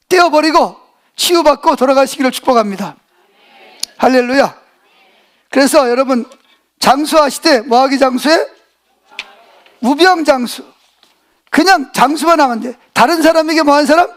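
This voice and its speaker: A man's voice: very high-pitched, measured pace, long pauses, fairly bright tone. A middle-aged male pastor preaching a sermon, folksy and joking, who keeps asking the congregation questions and having them answer back.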